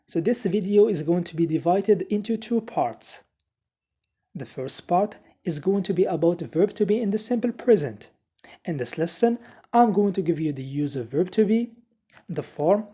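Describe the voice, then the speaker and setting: A woman with as her teaches a beginner English grammar lesson. Her voice is dark and soft, with a husky edge. She moves steadily and repeats each example sentence. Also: on the low side. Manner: slow, repeats example sentences with Arabic translations.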